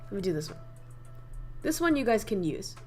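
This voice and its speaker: With faint music behind her, a young woman from northern Vietnam teaches idioms on a casual livestream, her Vietnamese accent clear. Her mid-range voice swings widely in pitch at a normal speed; she's chatty, laughs a lot and reads the chat out loud.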